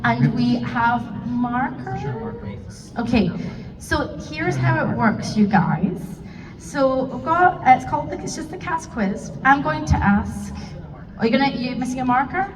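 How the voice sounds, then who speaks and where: A Scottish woman moderating a convention panel, chatty and self-deprecating, with quick asides. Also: high voice, expressive. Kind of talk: lively convention panel hosting. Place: large convention hall with audience. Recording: echoey convention hall from far off, crowd noise.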